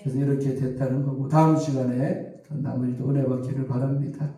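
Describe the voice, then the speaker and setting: A middle-aged pastor with a Gyeongsang accent, preaching a sermon in a conversational storytelling way and acting out quoted dialogue. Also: male voice, mid-range voice, level tone, a little fast, warm tone, far from the mic. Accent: Gyeongsang Korean. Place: church sanctuary. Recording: echoey church hall from afar.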